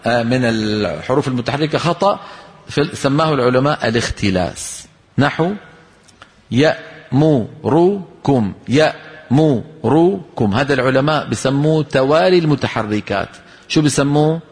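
A man's voice: medium pitch, fairly quick. Man teaching recitation in a hall. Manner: explains then asks the class questions, chants short examples. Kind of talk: tajweed lesson with recited examples. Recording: long hall reverb.

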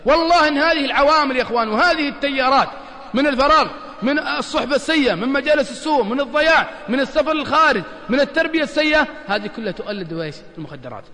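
A man's voice: extremely high pitch, very fast, in a large hall. A man with a Gulf Arabic accent preaching a colloquial sermon, joking and telling anecdotes while he keeps asking his listeners "isn't that right, brothers?". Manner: animated, joking, addresses audience as brothers. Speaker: religious preacher.

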